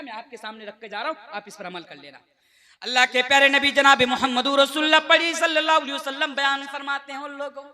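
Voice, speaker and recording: A young man from India preaches to a live gathering in a strikingly high voice. His tone is bright and cutting as he declaims with fervour. He keeps calling on the crowd to answer him. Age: 20s. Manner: impassioned, high-pitched declamation with call-and-response to the crowd. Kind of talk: sermon.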